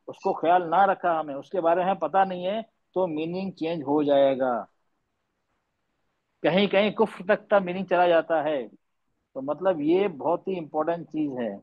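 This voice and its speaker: Teaching tajweed over an online class, this man speaks at a measured pace in a voice a little on the high side. He quizzes students with patience, goes over his points again, and mixes English words in, all captured in lo-fi online class audio.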